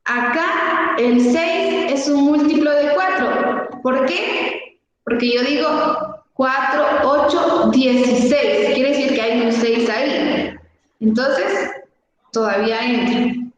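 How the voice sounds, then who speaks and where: A woman teaching a math lesson online, speaking slowly and patiently and counting out examples step by step, heard through a low-quality video call stream. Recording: dull, echoey, noisy video call audio.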